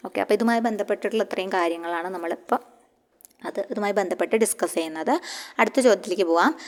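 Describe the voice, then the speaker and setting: A woman's voice: mid-range voice, quick pace. A woman coaching students for a clerk exam, asking questions and answering them herself, often repeating the key answers. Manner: repeats key answers, asks and answers own questions, ends with "kettō". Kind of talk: exam-prep lecture. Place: the Malayalam-speaking region of India.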